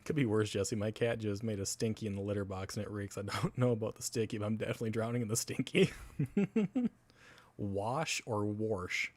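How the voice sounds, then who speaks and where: A man's voice: fairly low pitch, fairly even intonation, fast talker, hardly any pauses, dry recording. A man from Wisconsin with a Wisconsin accent, rambling in casual live-stream chat with viewers, laughing often and swearing casually.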